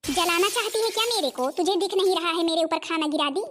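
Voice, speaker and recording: A woman's voice: high-pitched, fairly even intonation, fairly quick, background noise, lightly acted. Woman doing a scheming, sneering mother-in-law type. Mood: accusing. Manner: scolding, sneering, scheming asides. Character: scheming older woman, meddling mother of the bride. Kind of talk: Hindi cartoon voice acting.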